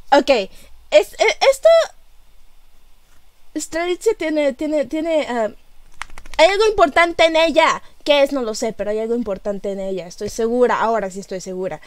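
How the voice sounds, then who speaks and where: A woman's voice: fairly high pitch, dry recording. A woman with a Mexican Spanish accent reacting to a game trailer, gushing and stammering, often repeating her words. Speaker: video game reaction youtuber. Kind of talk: excited reaction video.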